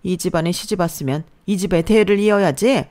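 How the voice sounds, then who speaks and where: A scolding older mother-in-law, voiced by a woman, sneering and belittling, her voice pushed up and loud. She nags relentlessly in this storybook dialogue. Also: fairly low pitch, a little fast, voice pushed up, natural voice. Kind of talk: storybook narration with acted dialogue.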